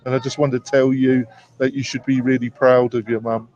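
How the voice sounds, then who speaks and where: A man's voice: mid-range voice, level tone, brisk, a little mellow. A man co-hosting a live online show, speaking earnestly and praising others. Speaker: co-host. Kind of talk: casual live-stream chat. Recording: dull lo-fi stream audio.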